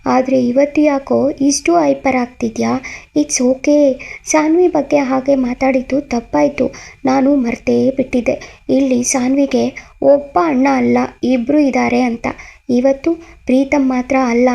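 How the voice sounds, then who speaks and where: Woman voicing joking young man, teasing, light, gravelly, dark tone. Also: high-pitched, fairly even intonation, measured pace, heavily acted. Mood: breezy teasing.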